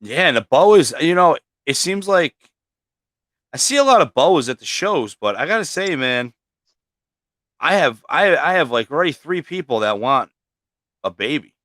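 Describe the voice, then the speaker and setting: A man's voice: on the high side, very animated, normal speed, pauses often, a bit bright, no room sound. A man hosting a livestream about breeding snakes, chatting casually, with frequent fillers and swearing. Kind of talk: casual chat.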